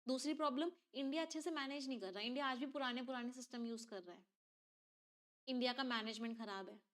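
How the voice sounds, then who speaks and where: A woman's voice: high-pitched, fast talker, a bit bright. A woman teacher explains an exam passage step by step and keeps asking her class questions. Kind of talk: exam reading-comprehension lesson.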